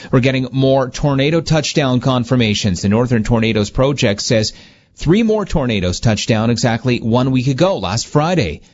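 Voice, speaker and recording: A man reading the morning news as a radio anchor, in a steady, measured delivery, heard through a small tinny radio. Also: medium pitch. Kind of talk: scripted newscast reading. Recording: muffled lo-fi radio broadcast.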